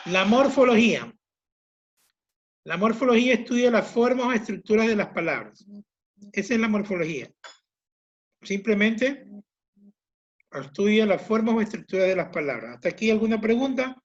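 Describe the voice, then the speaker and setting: High-voiced male teacher, lo-fi sound. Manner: patient, explanatory, repeats points with examples. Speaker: language teacher. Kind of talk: online class lecture.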